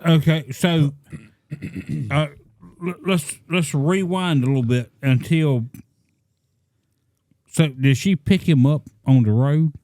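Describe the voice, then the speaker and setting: A man's voice: fairly high pitch, takes it slowly, pauses often, dark tone, dry recording. A man co-hosting a casual true-crime chat over drinks, pressing with questions and stumbling over restarts. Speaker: podcast co-host.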